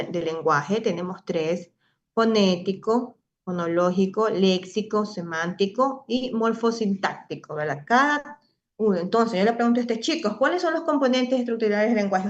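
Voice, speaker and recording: A woman's voice: mid-range voice, animated, moderate pace. A middle-aged woman teaching a class, explaining step by step and often checking in with her students. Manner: explanatory, often tags ¿verdad?. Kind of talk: online class lecture. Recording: slightly dull lo-fi audio.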